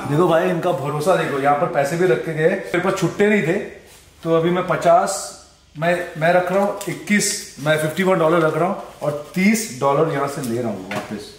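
A man's voice: a little high, normal speed, faint music behind. A man in his thirties from India, vlogging in casual, playful chat with a friend while walking around a farm. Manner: excited, playful banter with a friend. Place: outdoors on a farm and in a small farm shed.

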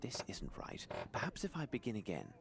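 An actor playing Sherlock Holmes, a calm and clever male Victorian detective in a game, speaking in a polite, formal way. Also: on the low side, a little fast. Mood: composed.

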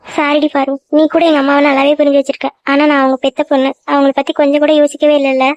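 Woman doing all the cartoon voices, super high and fast, chatty, dry dull sound. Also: completely flat delivery, a little mellow, no echo. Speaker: cartoon voice artist. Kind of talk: one voice for every cartoon figure.

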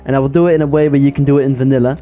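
Man, gaming YouTuber, warm mellow tone, chatty commentary. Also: mid-range voice, steady tone, racing, soft background music. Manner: chatty and playful, laughs often. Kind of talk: casual gameplay commentary.

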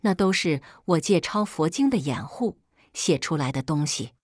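A woman reading a first-person story as narrator, in a measured, even storytelling manner. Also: low voice, no room sound, clean studio sound.

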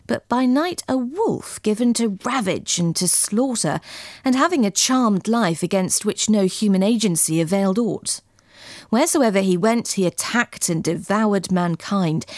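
A woman narrating an archaic folk tale in measured, storytelling tones into a close microphone. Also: medium pitch, darkish tone, no room sound. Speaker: audiobook narrator. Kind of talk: scripted narration.

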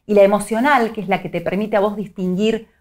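A middle-aged woman with a Rioplatense Spanish accent answers interview questions as a psycholinguist. She explains in a steady, teacherly way and grounds each idea in a concrete example. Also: medium pitch, a little fast. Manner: clear, didactic, illustrates points with examples. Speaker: psycholinguist guest.

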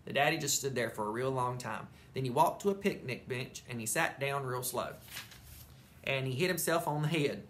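A teacher reading a children's chapter book aloud at an elementary school, expressive and animated. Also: mid-range voice, moderate pace, a little hiss or hum.

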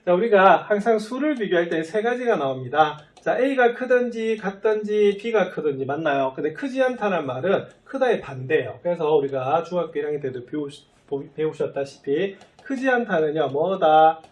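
Male math teacher, slightly high voice, quizzes his students and answers for them, drags out key phrases. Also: big pitch swings, normal speed, few pauses. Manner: asks the students questions, then answers them himself; often starts sentences with "so" and "well then". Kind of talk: lecture.

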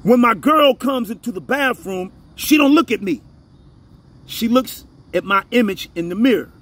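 With an extremely high, husky voice, this man reads Bible verses slowly and emphatically. His teaching is casual and profane, full of repeated phrases and frequent checks on whether you're with him.

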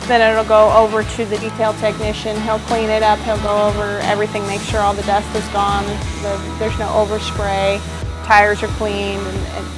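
A woman's voice: mid-range voice, completely flat delivery, moderate pace, rough recording. A woman in her thirties, a body shop manager, giving a guided tour of a large indoor repair garage on a lapel mic, explaining things plainly with a few fillers. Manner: matter-of-fact, explanatory with fillers. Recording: music bed under the voice. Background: background music.

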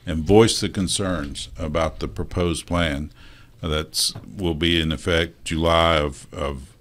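A middle-aged man from West Virginia, a union president guest on a local talk show, talking in a halting, earnest way with many restarts. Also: very deep voice, fairly even intonation, fairly bright tone, a little hiss or hum. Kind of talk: casual studio talk show interview.

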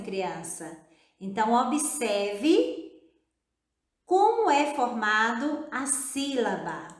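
A woman teacher giving a video lesson to children, speaking in a slow, drawn-out, encouraging way and repeating words syllable by syllable. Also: a little high, a bit bright. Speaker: primary school teacher. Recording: echoey room.

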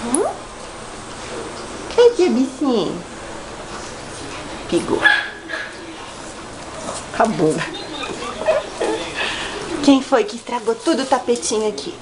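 A woman's voice: fairly high pitch, big pitch swings, takes it slowly, long pauses, heavy background noise. A woman talking baby talk to her dogs in a cooing, affectionate way. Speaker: dog owner.

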